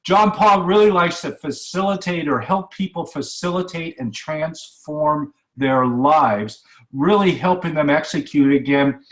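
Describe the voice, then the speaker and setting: A man's voice: fairly high pitch, a little slow, reverberant. A man hosting a radio interview show, chatting casually with lots of fillers and repeated words. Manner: conversational, with many fillers and repeats.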